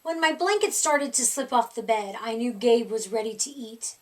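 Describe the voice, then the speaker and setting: A woman reading a children's story aloud in an expressive narrating style. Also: fairly high pitch, moderate pace, distant mic. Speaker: storybook reader.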